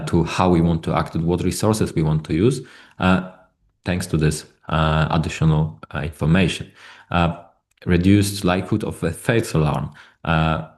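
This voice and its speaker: A non-native English-speaking man gives a technical product presentation in a webinar. His low voice comes out haltingly, full of hesitations and repeated words.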